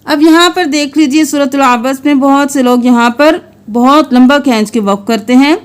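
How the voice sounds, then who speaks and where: High-voiced woman teaching Quran recitation. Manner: patient step-by-step explaining, chanting verses slowly and melodically.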